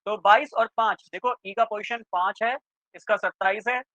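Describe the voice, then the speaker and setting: A man teaching a reasoning class for exam prep, quizzing students with quick questions and checking often that they follow. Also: high-pitched, steady tone, pushed and bright, no echo. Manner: keeps checking in with students, asking "clear?". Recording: dry, slightly dull lo-fi sound.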